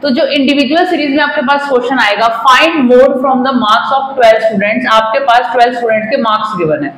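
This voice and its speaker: A woman's voice: sits high, moderate pace, a bit bright. A woman in her forties explaining a maths lesson at a whiteboard, mixing in English phrases and addressing students politely. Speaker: commerce teacher. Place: classroom in front of a whiteboard. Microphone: lapel mic. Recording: echoey classroom.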